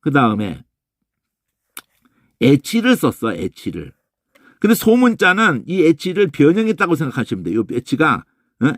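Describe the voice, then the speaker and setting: A man teaching a lecture on Bible languages, talking casually and emphatically, repeating phrases and tossing in quick questions to his listeners. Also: dry recording, clean studio sound. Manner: emphatic, lively demonstrating, repeats phrases with sudden pitch jumps; casual speech, trailing questions.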